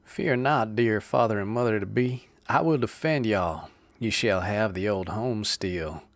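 A man's voice: medium pitch, measured pace, creaky, no echo. A man voicing a young rustic hero who declaims in a theatrical, bombastic way. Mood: heroic.

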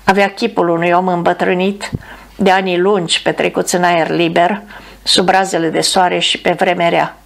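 A woman narrating an audiobook in a calm, measured reading. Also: lowish voice, vocal fry.

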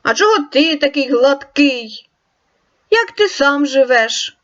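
A woman's voice: high-pitched, animated, slow pace, fairly bright tone, dull audio, voice pushed up, full character voice. A woman voicing a lean, hungry male wolf who values his freedom, in a raised storybook voice. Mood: questioning.

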